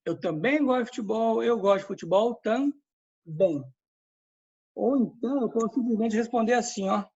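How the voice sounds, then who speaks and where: A man's voice: high voice, animated, normal speed, vocal fry, darkish tone, slightly rough, highs cut off. A male English teacher, Portuguese his first language, reviewing a lesson and checking in with students by name. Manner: explains step by step, checks in with students. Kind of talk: recorded class review lesson.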